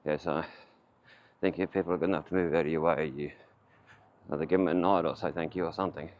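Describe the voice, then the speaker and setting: A muffled male voice, low in pitch, speaks through a face mask with an Australian accent. He rambles in a plain, casual way, like someone vlogging on foot. The audio is dull, with faint outdoor noise behind him. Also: fairly even intonation, quick pace, a little mellow. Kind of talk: casual rambling walking vlog. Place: outdoors, walking along town streets. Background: faint outdoor ambience.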